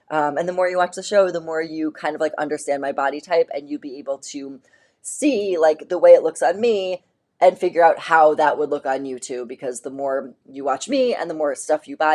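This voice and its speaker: Woman, low voice, live-stream clothing host, chatty, rambling, casual. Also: a little mellow. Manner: chatty, rambling, upbeat with frequent fillers. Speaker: boutique owner hosting a live shopping stream.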